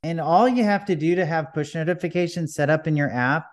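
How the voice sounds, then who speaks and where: A man's voice: on the high side, brisk. A man hosting a coding tutorial, talking casually over a screen recording with frequent fillers. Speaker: developer tutorial host. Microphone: voice-over on a desktop screen recording.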